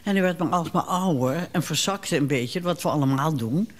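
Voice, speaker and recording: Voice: medium pitch, normal speed. A guest in an interview who speaks hesitantly, searching for words while reflecting.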